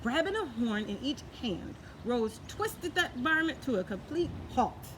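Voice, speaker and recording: A woman with a slightly high voice reads a children's story aloud in an expressive, folksy way, now and then adding her own comments. She goes a little slowly, with steady background noise and passing vehicles audible underneath.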